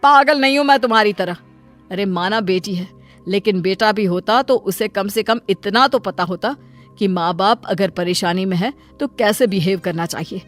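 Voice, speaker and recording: A woman voicing a short-tempered middle-aged father in a cartoon story, speaking in a brisk, scolding way. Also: mid-range voice, faint music behind, natural voice.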